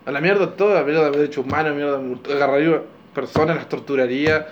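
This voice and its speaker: A man's voice: on the high side, fairly even intonation, fast talker, highs cut off. A young man with a Rioplatense Spanish accent co-hosting a casual podcast, joking around, laughing often and playfully exaggerating. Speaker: podcast co-host. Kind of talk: casual chat.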